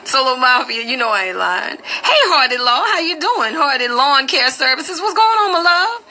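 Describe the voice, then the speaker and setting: A woman hosting a casual live-stream chat, playful and quick to laugh, greeting her viewers by name. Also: high-pitched, very animated, pushed and bright. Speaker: host.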